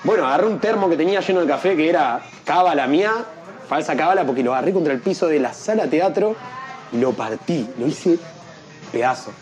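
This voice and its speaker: A young man, telling a story as an interview guest and acting out the people he quotes. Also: fairly quick. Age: young adult. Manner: animated, acts out quoted voices in a higher pitch. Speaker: guest, freestyle rapper.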